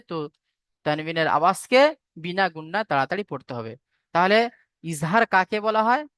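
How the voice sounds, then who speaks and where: A man's voice: sits high, a bit bright, dry recording. Male recitation teacher, patient and repetitive, dry video-call sound. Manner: patient, repetitive explaining, spelling out syllables. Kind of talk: online tajweed class lecture.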